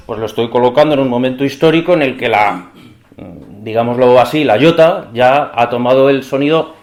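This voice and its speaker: A man's voice: medium pitch, reverberant. A man giving an academic conference lecture, talking in a discursive way and often asking the audience rhetorical questions.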